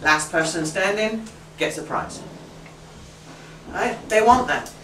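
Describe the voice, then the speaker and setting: A woman leading a teacher training workshop, brisk and chatty, who keeps checking in with "right?". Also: mid-range voice, fairly bright tone, slight background noise. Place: classroom. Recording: roomy classroom from far off.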